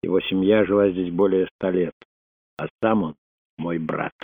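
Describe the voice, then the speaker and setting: A man's voice: low-pitched, fairly even intonation, moderate pace, slightly rough. A man voicing a firm, loyal tribesman. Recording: dry, phone-like narrow sound.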